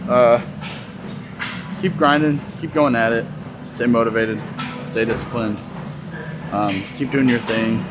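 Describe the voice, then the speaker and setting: A man's voice: medium pitch, low-quality recording. A man in his twenties with a laid-back, rambling manner, vlogging casually from a large gym and laughing often between remarks. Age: 20s. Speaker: fitness vlogger. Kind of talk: casual walk-and-talk vlog. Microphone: phone camera on a tripod nearby. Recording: gym music playing loudly behind. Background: music playing in the gym.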